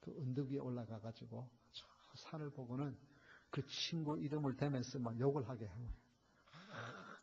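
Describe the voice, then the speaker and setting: A male pastor delivers a sermon in a husky, somewhat raised voice. He drops into hushed, breathy asides and then surges into loud, fervent exhortation, often turning directly to the congregation. The recording is muffled and lo-fi. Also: on the high side. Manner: swings from hushed, near-whispered asides to loud, preaching climaxes; storytelling with many fillers and repeated direct address to the congregation. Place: church sanctuary. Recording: dull, lo-fi church recording.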